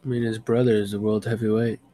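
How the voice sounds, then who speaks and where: A man's voice: fairly low pitch, level tone, fast, dark tone. A young man in casual podcast chat, laid-back and using bro slang.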